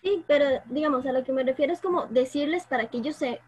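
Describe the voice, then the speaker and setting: A woman student asks her lecturer a question, stopping often to find the right words. Her voice is high. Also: fast. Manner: hesitant, searching for words. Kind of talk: asking a question in class.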